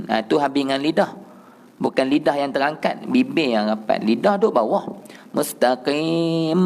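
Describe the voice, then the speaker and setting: Malaysian male recitation teacher, mid pitch, gravelly edge, alternates plain explanation with slow chanted modeling. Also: darkish tone. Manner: explains pronunciation, then chants the verse slowly as a model. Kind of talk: mosque class on Quran recitation. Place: prayer hall.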